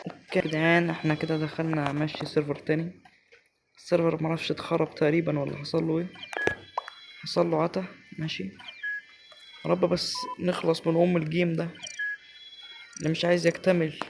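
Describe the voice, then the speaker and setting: A man with an Egyptian Arabic accent giving excitable live commentary as he plays a game, talking straight to his viewers. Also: fairly high pitch, fairly quick, creaky, long pauses, background noise. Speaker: gaming channel host.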